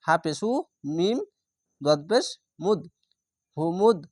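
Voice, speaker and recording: Quran reading teacher, spelling syllable by syllable, slow chanted words, calm explanations, dry close sound. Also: medium pitch, dry recording. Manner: spells out each syllable letter by letter, then chants the word slowly; calm instructive explanations between recited words. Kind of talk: step-by-step recitation lesson.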